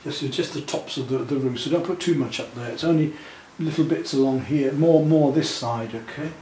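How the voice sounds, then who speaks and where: A mid-range, mellow voice belongs to a man in his 60s who talks briskly while patiently showing a student how to paint, reassuring them step by step. The hands-on lesson happens indoors in his living room. Since the camera is a few feet away, the recording is roomy and distant, with noise behind it.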